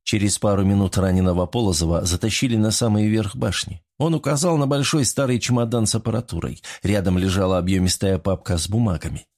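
A man narrating an audiobook in a steady, measured storytelling manner. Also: on the low side. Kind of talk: scripted narration.

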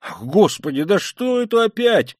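A man's voice: mid-range voice, very animated, normal speed, a little mellow, no echo, clean studio sound, pitched above the performer's own voice. A man reading an audiobook, voicing a fussy, cunning middle-aged male investigator who talks in an ingratiating, sly way. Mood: alarmed. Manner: ingratiating, sly, with old-fashioned deferential endings.

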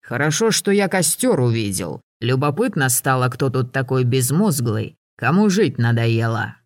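Man doing a gruff hunter, sardonic, growling orders, dry close sound, audiobook. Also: medium pitch, sing-song, moderate pace, no room sound. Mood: gruff mocking. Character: gruff cunning old hunter man, mocking.

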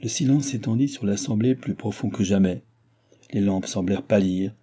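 A man with a husky voice reading a classic novel as an audiobook narrator, in a measured, grave storytelling manner. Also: on the low side, mellow. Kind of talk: scripted literary narration.

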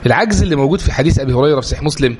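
A man with an Egyptian Arabic accent lecturing to a live class, animated and full of rhetorical questions. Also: medium pitch, rapid-fire, slight background noise. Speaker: religious lecturer.

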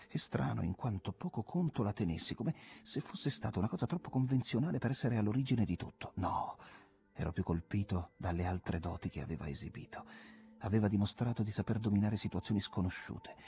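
A man reading a literary novel aloud as an audiobook narrator, measured and reflective. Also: fairly low pitch, gravelly, warm tone.

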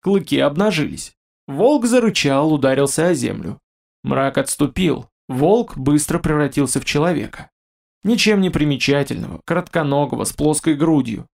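A man narrating a fantasy audiobook in a steady storytelling manner. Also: on the high side, moderate pace, gravelly.

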